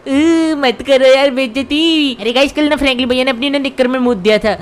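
A man voicing a cheeky, mischievous little cartoon boy in a comedic game role-play, whiny and teasing with a drawn-out squeal. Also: extremely high pitch, a little hiss or hum, voice pushed up.

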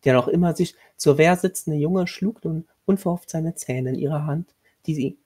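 A man reading his own horror short story aloud in a measured way, with a husky voice and occasional restarts. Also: fairly high pitch, warm tone.

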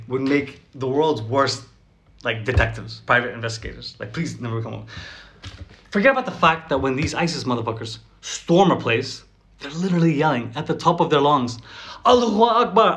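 A man's voice: a little high, fairly bright tone, a little hiss or hum. A man doing a stand-up monologue in a brash, sarcastic, profane manner. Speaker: comedian.

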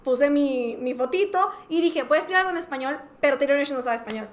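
Fast, high-voiced Mexican woman. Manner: excitable storyteller, leans on filler phrases. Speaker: podcast co-host. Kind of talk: casual chat.

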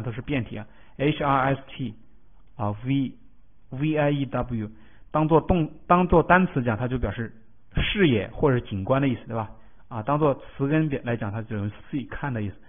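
A male English vocabulary teacher in a recorded lesson. He explains word roots step by step, spells out letters and often asks a checking question. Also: mid-range voice. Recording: tinny phone-like lo-fi sound.

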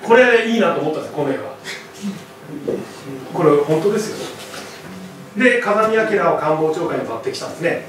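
A man delivers a public history lecture in a lively, conversational manner, peppering his talk with little tag questions to the audience. His voice sits a touch high for a man. He is picked up from a distance in a hall full of reverb, with a faint hiss underneath. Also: normal speed, long pauses. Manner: animated, chatty, constant tag questions. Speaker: lecturer and author. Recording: very echoey hall, far from mic, faint noise.

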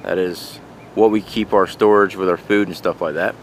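A man's voice: sits low, fairly even intonation, moderate pace. A middle-aged man narrating a casual handheld walkthrough in a plain-spoken, folksy way, talking to viewers as guys. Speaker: vlogger giving a trailer tour. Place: outdoors around and inside a small trailer. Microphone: handheld camera or phone mic. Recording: noisy camera audio, outdoor and fan hum.

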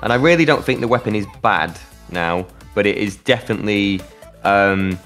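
A man casting an esports match play-by-play, excitable and climbing sharply in pitch at big plays. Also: moderate pace, faint music behind. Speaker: esports caster.

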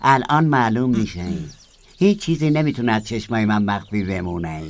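A man's voice: fairly low pitch, lightly acted. A man voicing a jittery male house cat in a cartoon who is suspicious and panicky, guarding his owner's powder. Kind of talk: cartoon voice acting.

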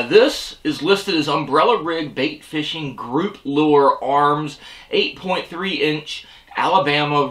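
A man's voice: mid-range voice, bright, forceful tone. A middle-aged man hosting a fishing channel, reviewing a cheap lure in a casual, rambling way with lots of fillers. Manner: rambling, filler-heavy, easygoing. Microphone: seated at desk facing camera.

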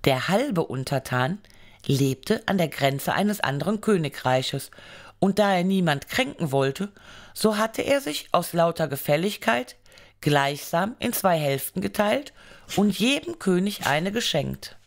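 A woman narrating an audiobook fairy tale, reading it aloud in measured storytelling phrases. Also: on the low side, big pitch swings.

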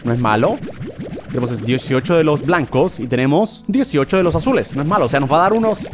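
Young man, gaming commentary, excitable and jumpy, bright-ish higher voice, rapid-fire. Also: music in the background. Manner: excitable, yelps and gasps, talks to game creatures. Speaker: gaming video host. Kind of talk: excited let's-play commentary.

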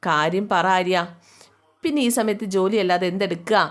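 A woman's voice: fairly low pitch, close to an everyday voice. A woman voicing a young wife who is caring, a bit bossy and teasing. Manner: brisk, teasing, giving instructions.

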